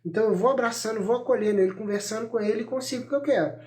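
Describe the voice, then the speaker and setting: A man in his thirties hosting a parenting podcast, talking calmly and reflectively in a loose conversational way, with frequent fillers and restarts, recorded on a phone. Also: sits high, rapid-fire. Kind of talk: reflective solo podcast talk. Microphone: phone held up while talking.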